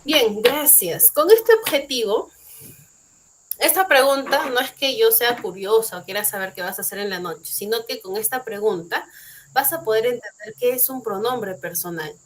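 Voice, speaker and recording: A woman's voice: a little high, normal speed, a little hiss or hum. A woman with a Peruvian Spanish accent teaching an online English lesson from home. She explains patiently, asks rhetorical questions and keeps adding short tag questions. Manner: repeats examples, many tag questions.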